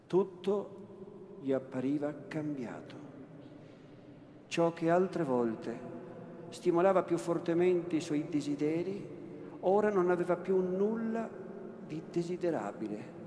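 A man, an actor, giving a slow dramatic reading of a classic novel, repeating words for weight, in a large cathedral. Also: a little high, lively intonation, warm tone. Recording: echoey cathedral, long reverb, faint room noise.

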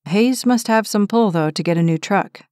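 An injured young firefighter speaks timidly and plainly in an audiobook romance, as a woman reads him. His voice sits at a middle pitch. The sound is close and dry. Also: normal speed, a little mellow, clear, resonant tone, dry recording, lightly acted. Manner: timid, matter-of-fact. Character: injured young firefighter man, frustrated but gentle. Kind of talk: audiobook character reading.

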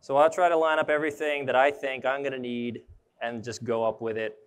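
A man's voice: mid-range voice, little pitch movement, a little fast, clear, resonant tone. A young man, an arborist trainer, giving a casual live demonstration at an indoor trade show booth and thinking aloud as he handles his gear.

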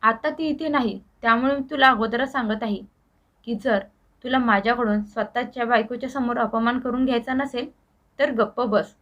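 स्त्री निवेदिका साकारत असलेले कडक वृद्ध वडील. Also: male voice, very high voice, normal speed, sharp tone, lo-fi sound. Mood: stern. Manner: stern, warning. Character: stern elderly father scolding his son.

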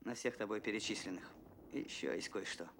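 A man's voice: on the low side, a little fast, creaky, fairly bright tone. A man playing a thoughtful, candid middle-aged military commissar in a war film. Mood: reflective. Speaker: political commissar. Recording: faint room noise.

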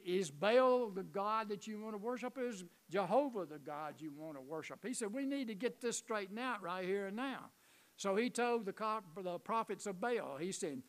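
A man preaching a sermon, retelling a Bible story in a folksy, animated way and voicing the characters' lines. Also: high-pitched, rough recording.

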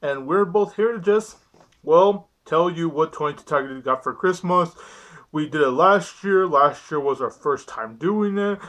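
A man's voice: a little high, lively intonation, moderate pace, a bit bright. A young man voicing a foul-mouthed, cheerful little toy Santa in an amateur comedy skit. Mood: boisterous. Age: young adult. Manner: crude, swearing. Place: small bedroom indoors.

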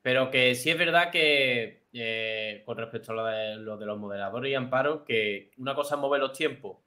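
A man's voice: mid-range voice, moderate pace. A man hosting a live chat, interjecting and teasing his guests while keeping the discussion moving. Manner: interjecting, teasing, calm-assertive. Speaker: live stream host.

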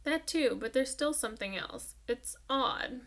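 Soft-spoken reserved preacher dad, quiet and measured, bit gravelly, read by a woman. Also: high-pitched, lively intonation, pitched above the performer's own voice, exaggerated voice. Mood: puzzled, subdued. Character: quiet, reserved small-town preacher father.

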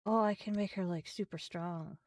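A woman's voice: fairly low pitch, normal speed, a little mellow, dry recording, recorded from a distance. A young woman streaming a game, chatting casually and thinking aloud as she goes, with the odd swear word. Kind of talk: casual live-stream commentary.

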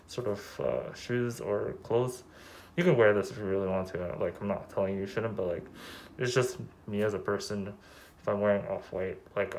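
A man's voice: fairly low pitch, a little hiss or hum. A man reviewing a product in a casual, rambling way, speaking through a cloth mask. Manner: rambling, lots of fillers.

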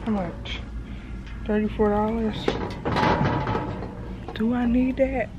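A young woman vlogs from inside a big store with the camera held at arm's length. She takes her time, speaking in an unhurried, chatty way as she muses to herself over the shelves. Music plays clearly in the background. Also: a little high, fairly even intonation, highs cut off. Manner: chatty, talks to herself while shopping. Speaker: vlogger. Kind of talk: casual vlog narration. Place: indoors in a large store. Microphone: handheld camera at arm's length.

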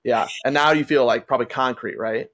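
A man's voice: mid-range voice, brisk, a bit bright. A man who works as a wedding photographer, chatting casually and rambling with lots of fillers as he hosts a conversation.

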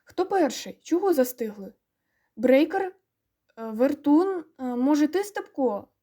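A woman voicing a bold, fluffy female cat dancer who talks brisk and bossy in a storybook reading. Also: high-pitched, expressive, mellow, pitched above the performer's own voice. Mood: eager.

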